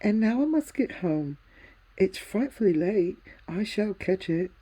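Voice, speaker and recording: A woman voicing a prim, sharp-tongued young English girl in a storybook reading, cool and sarcastic. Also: medium pitch, animated, unhurried, pitched above the performer's own voice, poor audio. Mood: hurried.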